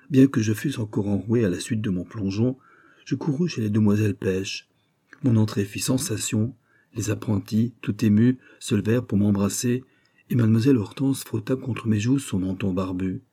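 A man reading a literary story aloud in a measured, expressive way. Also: fairly low pitch, husky. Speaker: audiobook narrator.

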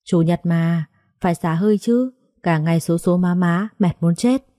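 A woman's voice: fairly low pitch, moderate pace, mellow, dry recording, studio quality, close to an everyday voice. A woman reading a lazy, spoiled rich boy. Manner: lazy, carefree. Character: spoiled, slow-witted rich young man.

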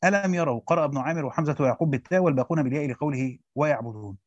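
Guy reading old commentary out loud quick, breaks off to explain, flat muffled dry audio. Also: a little high, no room sound. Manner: reads fast, stops to explain in Egyptian Arabic. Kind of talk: reading a classical text aloud with spoken asides. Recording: dull dry lo-fi recording.

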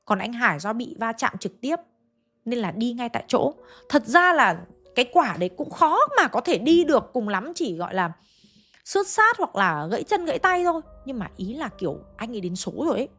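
A woman narrates a ghost story in a chatty, conversational manner, turning to address her listeners directly. Her voice sits fairly high for a woman. Soft music plays faintly underneath. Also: big pitch swings, fairly quick. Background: faint background music.

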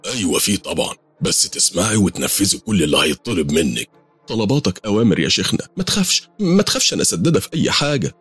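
A man's voice: big pitch swings, fast, fairly bright tone, husky, dry recording, soft background music, exaggerated voice. A man voicing an anxious middle-aged mother who pleads eagerly, in an Egyptian accent. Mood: pleading. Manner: pleading, raised higher pitch.

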